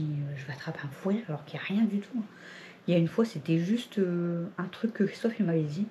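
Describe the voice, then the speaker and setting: Chatty woman with a very dark voice. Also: fairly low pitch, slight background noise. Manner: chatty, rambling, laughs often. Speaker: family vlogger. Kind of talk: casual vlog chat to camera.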